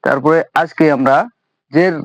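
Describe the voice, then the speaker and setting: A man teaching Quran reading, chanting each Arabic letter and its vowel sound in a steady drill. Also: fairly high pitch, normal speed, dry recording, dull audio. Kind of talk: slow recitation lesson on Arabic letters.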